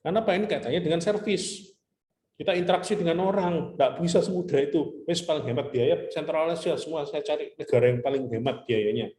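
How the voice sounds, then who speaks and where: A man's voice: fairly high pitch, brisk, dark tone. Chatty male lecturer, echoey room. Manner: chatty, mixes in English terms, tells anecdotes. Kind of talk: casual classroom lecture.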